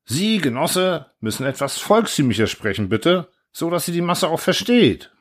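A brisk, obliging village chairman, put on by a male reader, pitched well above the reader's own voice. He speaks with an encouraging, lively lilt. It belongs to a storybook reading.

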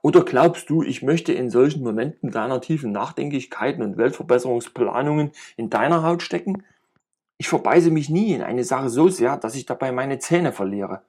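A man's voice: medium pitch, animated, moderate pace, darkish tone, natural voice. A man reading aloud and voicing a jovial, talkative middle-aged friend who rambles and teases with cynical humor. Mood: playful teasing. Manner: rambling, playful banter.

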